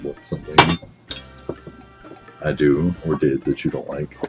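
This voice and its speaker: A man's voice: rumbling low, level tone, a little slow, over music. A young man chatting casually in a dry, teasing way. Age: young adult. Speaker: ex-partner being questioned. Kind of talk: casual chat.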